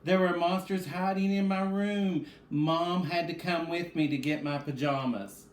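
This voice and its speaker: A reading specialist and teacher, this man reads to children in an echoey room as part of a read-aloud, question-led lesson. His voice is high with a steady tone and a slightly slow pace, and he addresses the kids directly, answering his own questions over faint background noise.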